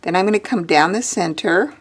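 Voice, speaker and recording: A woman's voice: lowish voice, fairly quick. A woman teaching a drawing lesson, chatting and thinking aloud as she draws, with the hiccups. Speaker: art teacher.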